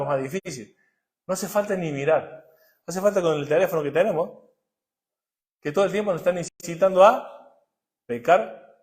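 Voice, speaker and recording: A middle-aged male pastor, preaching a sermon. He swings between hushed asides and loud, emphatic bursts, often putting rhetorical questions to the congregation. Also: fairly high pitch.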